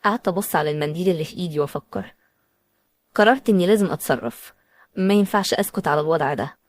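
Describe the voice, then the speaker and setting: A woman's voice: lowish voice, expressive, racing, no echo. A woman with an Egyptian accent, telling a dramatic first-person story in an emotional, anxious way. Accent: Egyptian Arabic.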